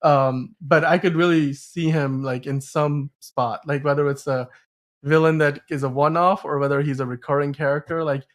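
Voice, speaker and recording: Hosting a casual film podcast, a man rambles emphatically and frequently stumbles over words. He speaks at a normal speed in a fairly high, steady voice.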